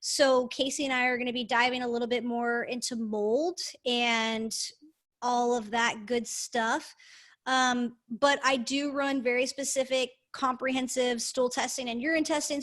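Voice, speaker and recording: A woman with a fairly high voice co-hosts a podcast in a casual, enthusiastic way, stressing and repeating words for emphasis. Her microphone has a hallway echo, so the voice sounds like it comes from an echoey indoor space. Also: flat delivery, normal speed, a bit bright. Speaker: podcast co-host.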